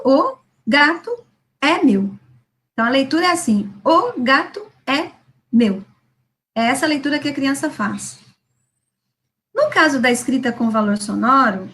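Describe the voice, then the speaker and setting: High-voiced Brazilian woman teaching literacy. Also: fairly bright tone. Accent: Brazilian Portuguese. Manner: slows and stretches words to model a child reading syllable by syllable; didactic, with frequent "né?" tags and restarts. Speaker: literacy educator. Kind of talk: lecture over example slides.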